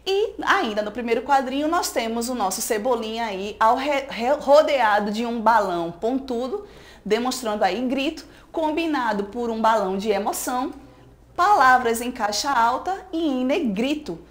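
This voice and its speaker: A woman's voice: a little high, expressive, moderate pace. Brazilian woman teacher explaining a lesson. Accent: Brazilian Portuguese. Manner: explanatory, with frequent "né?" and "tá?" checks. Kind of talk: recorded school lesson.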